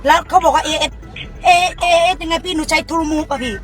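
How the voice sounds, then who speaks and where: A woman's voice: high-pitched, fairly even intonation, moderate pace, faint music behind, close to an everyday voice. A woman voicing a naive, chatty rural woman with a Khmer accent, repeating herself and playing confused on a prank phone conversation. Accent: Khmer-accented Thai. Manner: repetitive, rambling, playing confused.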